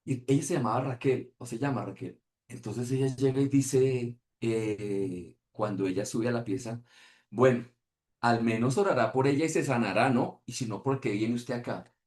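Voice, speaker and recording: Animated Colombian preacher telling a story. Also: male voice, mid-range voice, normal speed. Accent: Colombian Spanish. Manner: animated storytelling, acts out quoted voices. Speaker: pastor. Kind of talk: sermon testimony.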